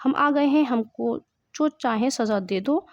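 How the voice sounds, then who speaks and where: A woman's voice: on the high side, no room sound, dull audio, natural voice. A woman reading the lines of a proud, defiant young woman fighter in a play. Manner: proud, firm.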